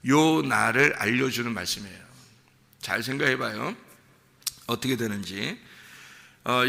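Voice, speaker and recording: Gravelly, bright-voiced preaching pastor. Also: male voice, mid-range voice, long reverb tail. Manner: conversational preaching with rhetorical questions and chuckles. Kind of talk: sermon. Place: church sanctuary.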